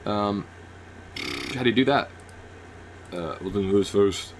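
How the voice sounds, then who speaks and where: A young man reacting on a live stream, rambling and bursting into excited shouts. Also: lowish voice, slow pace, a little hiss or hum.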